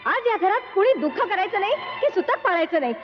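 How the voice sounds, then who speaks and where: An actress playing a gloating, cruel sister-in-law who mocks with laughter in a film melodrama. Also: female voice, very high-pitched, sing-song, quick pace. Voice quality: mocking laughter between lines. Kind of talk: Marathi film melodrama acting. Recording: dull old film soundtrack, loud music.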